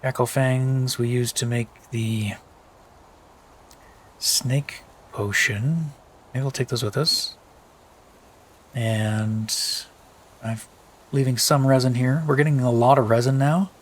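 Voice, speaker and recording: A man's voice: mid-range voice, steady tone, slow, long pauses, a little hiss or hum. A man with a tired voice giving casual, rambling let's play commentary, thinking aloud with many fillers.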